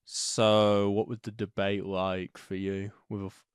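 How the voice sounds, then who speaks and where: A man's voice: fairly low pitch, flat delivery, measured pace, smooth, no room sound, studio quality. A man with a broad Scottish accent in casual chat, reacting with incredulous, sweary, slangy questions.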